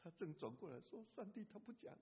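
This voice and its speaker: A man pastor preaching a sermon in an animated way, breaking into a hymn at times. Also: sits high, brisk, husky. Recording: lo-fi church hall reverb.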